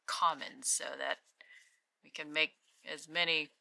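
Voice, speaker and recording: A woman giving casual, unscripted commentary as a card-opening host, moving between quiet murmurs and louder exclamations. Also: low voice, steady tone, a little slow, vocal fry, no room sound.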